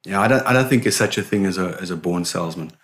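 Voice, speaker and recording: Animated middle-aged sales consultant, deep voice. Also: male voice, quick pace. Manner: animated storyteller, repeats words when starting. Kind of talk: interview answers.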